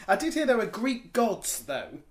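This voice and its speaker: A woman's voice: a little high, very animated, normal speed. Woman playing a cheeky, clueless man. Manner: cheeky, offhand. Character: clueless, cheeky British man, amateur actor. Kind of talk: radio comedy acting.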